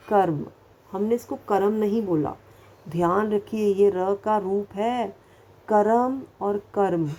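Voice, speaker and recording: A woman's voice: medium pitch, dark tone, slight background noise. A woman teacher giving a recorded lesson to children, patiently asking questions and answering them herself, repeating each word carefully to show its sound.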